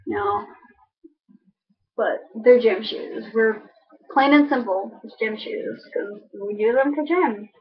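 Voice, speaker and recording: Young woman with a Chicago accent, higher-pitched. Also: lively intonation, takes it slowly. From Chicago suburbs, United States. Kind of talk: casual chat to camera. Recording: dull lo-fi microphone.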